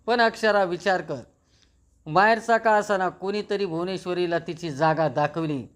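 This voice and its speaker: A man's voice: high voice, moderate pace, clear, resonant tone, lightly acted. A man reading as a suspicious, warning father.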